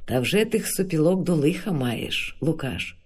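A man voicing an older village man who talks in a calm, easygoing, folksy way. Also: fairly high pitch, measured pace, breathy edge.

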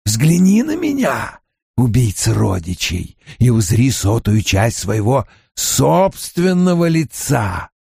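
A man playing a cruel dark lord in an audiobook, commanding and menacing, drawing out his words to tempt his prey. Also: medium pitch, wildly swooping pitch, takes it slowly, vocal fry, breathy edge, no echo, studio quality, exaggerated voice. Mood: menacing, mocking. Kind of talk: dramatic audiobook character voice.

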